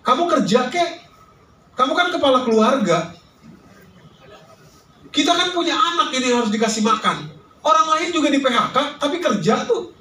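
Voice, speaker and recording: A nagging, anxious wife scolding her husband in a raised, exasperated voice, as a male preacher puts her on. The voice sits high, and it echoes from a distant mic. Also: big pitch swings, moderate pace, pauses often, pushed and bright, slight background noise, heavily acted. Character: scolding worried wife of a jobless man.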